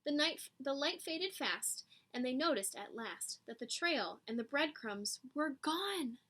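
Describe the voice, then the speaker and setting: This woman's high, expressive voice is a bit bright and moves a little slowly as she reads a picture book to kids. She stresses lines dramatically and slips in teacherly comments to the children.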